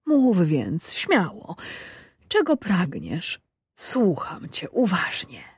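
Woman doing a pompous old-ish sultan, slow and drawn out, a bit husky, dry sound. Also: medium pitch, lively intonation, darkish tone, no echo. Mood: grand, slow.

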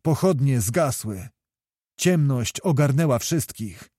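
An audiobook narrator reads a historical novel in a measured, storytelling style. His mid-range voice has lively intonation and a dark tone, captured at studio quality with no echo.

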